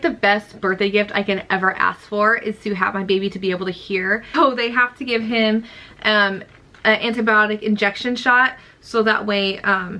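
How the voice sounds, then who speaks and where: A young woman vlogging to camera in a casual, chatty way, with lots of fillers as she walks through upcoming appointments. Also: mid-range voice. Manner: chatty, excitable, many fillers. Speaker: vlogger, mother. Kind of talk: casual vlog talk to camera.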